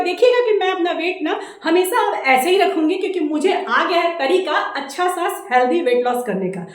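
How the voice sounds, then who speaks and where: A woman in her thirties from India with a Jharkhand Hindi accent, talking loudly and quickly in a casual home vlog, recorded on the camera's own mic. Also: high voice. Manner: loud and fast-talking. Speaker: vlogger. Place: indoors at home. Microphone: camera mic without a separate microphone. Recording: echoey room, voice from camera distance.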